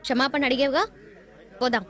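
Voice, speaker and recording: A feisty young student in a dubbed film. Her voice is very high and sharp. She is defiant and insistent with every line. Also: steady tone, fairly quick, some chatter behind. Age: young adult.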